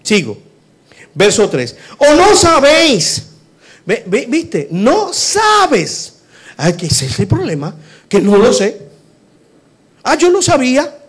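Man, preacher, sermon, high voice, big pitch swings, rhetorical questions. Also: slow, breathy edge. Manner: animated, rhetorical questions, swings from shouting to hushed.

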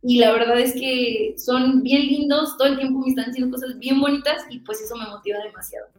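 A Mexican woman telling a lively story in an interview, acting out quoted dialogue in a chatty, animated way. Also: sits high, fairly quick, roomy sound, rough recording. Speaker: guest voice actress.

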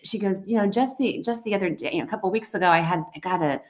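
Animated woman telling a story. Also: medium pitch, fast talker, roomy sound. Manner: animated storyteller, acts out quotes. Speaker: podcast co-host. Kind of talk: casual chat.

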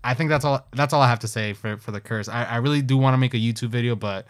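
A man's voice: medium pitch, quick pace, smooth. A man co-hosting a podcast, reading off baseball stats in casual sports chat with offhand asides and self-corrections. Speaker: podcast co-host.

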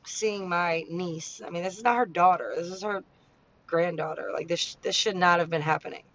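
A woman's voice: normal speed, a bit bright. Rambling, blunt woman on muffled audio. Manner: rambling, heavy use of "like" and "you know"; blunt, swears freely. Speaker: podcast host. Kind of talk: candid personal monologue. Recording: muffled lo-fi with faint vehicle rumble.

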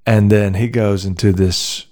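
A man with a fairly low voice talks through a Bible passage in an easygoing conversation. He is a pastor, thoughtful, and he speeds up and slows down as he works through his points. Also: fairly even intonation, a little mellow. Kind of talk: casual conversation on scripture.

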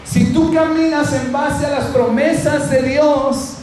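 A man's voice: very high-pitched, fairly even intonation, takes it slowly, a little mellow, slight background noise. A male pastor preaching a fervent sermon, often calling out amen and asking the congregation to speak to the person beside them. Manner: addresses the audience directly and asks them to repeat phrases. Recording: very echoey room with faint ambience.

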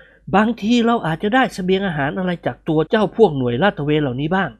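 A reader voicing a bold young soldier giving brisk, commanding orders in an audiobook. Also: medium pitch, animated, pitched above the performer's own voice, lightly acted.

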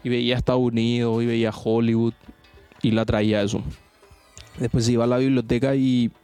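A man's voice: medium pitch, level tone, brisk, dark tone, clear, resonant tone, soft background music. A man, co-hosting a casual podcast among friends and rambling through stories with casual swearing. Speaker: podcast co-host. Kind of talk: casual chat between friends.

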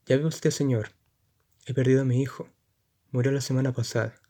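A man voicing a grieving, timid cab driver who speaks in a muffled, halting way, in a storybook reading. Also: mid-range voice, warm tone, lightly acted. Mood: sorrowful.

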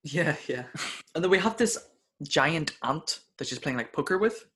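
Excitable man with a slightly high voice. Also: moderate pace. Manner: excitable and animated, with stammered restarts and swearing. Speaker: podcast co-host. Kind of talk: casual TV episode review chat.

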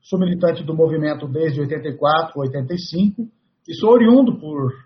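A man from Brazil, a guest speaking formally and steadily, often pausing on "eh". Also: fairly high pitch, highs cut off. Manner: measured, with frequent "eh" fillers. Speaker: guest, president of an organization.

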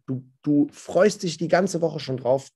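A man's voice: on the high side, a little slow, mellow, breathy edge, soft background music. A man who works as a business coach, talking casually in a podcast chat in a blunt, emphatic and colloquial way.

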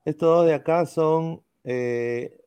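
A man on a sports talk show, relaxed as he walks through photos and player news. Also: a little high, slow, a crowd in the background. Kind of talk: casual studio chat.

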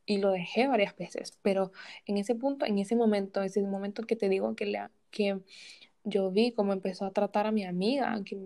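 Young woman guest, chatty storyteller, mid-pitched, warm voice. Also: moderate pace. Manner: animated, retells conversations, frequent "o sea". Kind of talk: casual personal storytelling.

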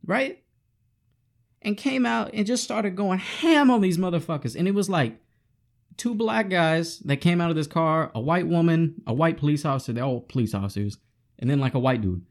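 A man's voice: a little high, lively intonation, normal speed, gravelly. A frustrated man ranting with heavy profanity to his audience in a casual vlog. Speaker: vlogger. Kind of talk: profane angry rant.

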